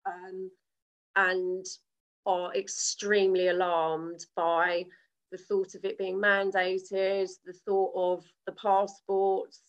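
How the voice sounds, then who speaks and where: A woman's voice: medium pitch, flat delivery, slow, muffled recording. Earnest lady co-hosting a chat on a video call, restarts a lot. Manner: earnest, emphatic, many restarts. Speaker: co-host.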